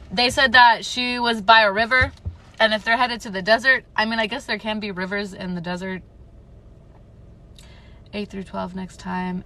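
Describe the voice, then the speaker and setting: A woman in her 20s reads a book aloud during a livestream and follows it with loose, filler-laden chat with her audience. Her higher voice sounds pushed and bright, and there's slight background noise.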